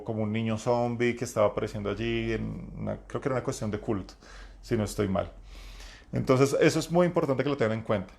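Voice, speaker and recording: A man with a deep voice, hosting a live talk and giving game-master advice in a reflective way, with many fillers and restarts. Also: vocal fry, darkish tone. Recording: lower-quality live stream.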